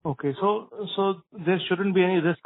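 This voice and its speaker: A man's voice: high voice, normal speed, slight background noise. A man, a financial analyst asking polite follow-up questions on a conference call, heard over a phone line. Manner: polite, asks follow-up questions with filler words. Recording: narrowband telephone line.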